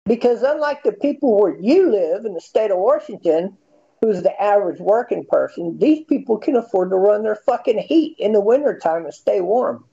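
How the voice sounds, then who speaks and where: An American man in his fifties with a high-pitched, soft-edged voice. His intonation jumps around as he argues bluntly and profanely in a heated, informal debate. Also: animated, moderate pace, vocal fry, highs cut off. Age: 50s.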